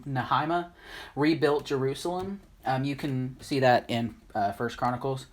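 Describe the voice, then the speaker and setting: A host giving a casual Bible lesson while writing on a board, halting and unsure of names, thinking aloud as they go. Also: medium pitch, a little mellow. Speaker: Bible study video host.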